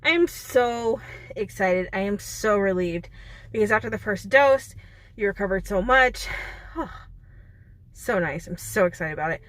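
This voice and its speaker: A woman's voice: medium pitch, animated, normal speed, fairly bright tone. A young woman chatting casually in a vlog, bubbly and full of fillers. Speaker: vlogger and author.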